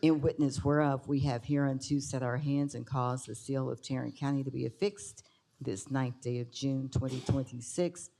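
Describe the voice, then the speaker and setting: A county commissioner reads an official resolution in a formal, notary-like recitation. The voice sits at a medium pitch with a gravelly, creaky edge and a soft, relaxed tone. Phrases are set out one by one in a measured, official way. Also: a little hiss or hum.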